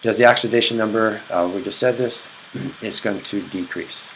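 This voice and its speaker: Low-voiced man teaching chemistry. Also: normal speed, fairly bright tone, slight background noise, poor audio. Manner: repetitive, checks in with "okay?". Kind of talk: recorded classroom lecture.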